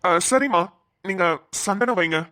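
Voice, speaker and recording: A woman voicing a calm, gentle young husband in a cartoon, speaking in a soft, reassuring way. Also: medium pitch, unhurried, voice pushed down. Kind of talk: cartoon voice acting.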